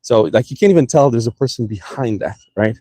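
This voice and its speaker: A man's voice: medium pitch, a little fast, warm tone, dry recording. A man with a slight accent, ranting heatedly and profanely in a casual vlog, talking from his car. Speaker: vlogger.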